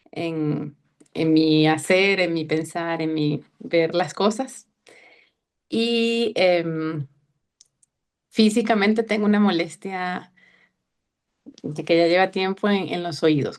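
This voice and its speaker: A woman in her thirties from Venezuela, introducing herself hesitantly in a group session. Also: fairly low pitch. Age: 30s. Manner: hesitant, with fillers and soft laughs. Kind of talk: personal introduction.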